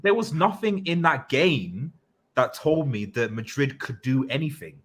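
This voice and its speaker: Bright-voiced man in casual football chat. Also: mid-range voice, animated, unhurried, slightly rough. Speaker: football pundit on a panel. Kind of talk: casual post-match analysis chat.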